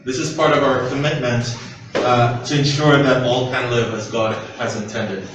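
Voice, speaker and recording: Male official, mid-pitched, formal speech in short segments; distant, noisy recording. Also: steady tone, a little slow. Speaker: visiting organization official giving a speech. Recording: echoey, distant, noisy public address.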